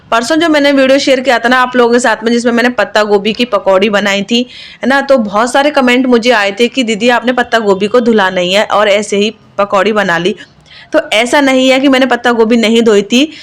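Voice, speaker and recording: Chatty woman narrating her home vlog. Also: fairly high pitch. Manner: chatty, confiding, many fillers. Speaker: vlogger, mother. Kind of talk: casual voice-over vlog narration.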